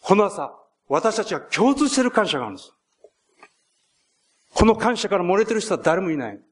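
A male pastor preaching a sermon in an earnest way, rising to emphatic peaks and slowing for key points. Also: high voice, sing-song, slightly rough.

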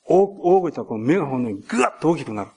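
A male pastor preaching a sermon in an earnest way, rising to emphatic peaks and slowing for key points. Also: mid-range voice, very animated, mellow, slightly rough.

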